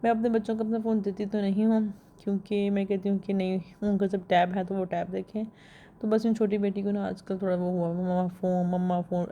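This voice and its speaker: A woman's voice: mid-range voice, mellow, a little hiss or hum. A woman, chatting casually through a home daily-life vlog. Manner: chatty, homely, many fillers like "to ji". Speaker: home vlogger.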